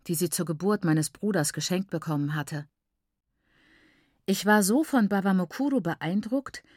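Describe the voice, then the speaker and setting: A woman reading a first-person novel aloud in a calm, even narration. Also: medium pitch, dry recording. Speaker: audiobook narrator. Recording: dry close studio recording.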